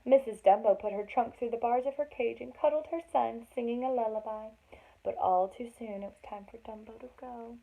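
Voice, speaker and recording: In a fairly high, mellow voice with vocal fry, a woman narrates a children's story at a moderate pace. She dramatizes it for young listeners and makes chatty asides, captured in thin, phone-like audio.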